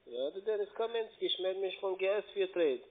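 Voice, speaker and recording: A cold-calling investment scammer pushes a sales call in broken, foreign-accented German, rambling on insistently. He sounds high-pitched, animated and brisk, and the phone line is tinny.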